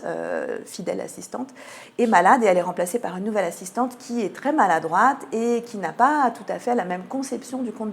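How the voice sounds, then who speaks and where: A woman guest on a radio interview, accented French from France, explains a cultural programme; she's articulate but often stops to find her words. Her voice has medium pitch and a darkish tone, with slight background noise.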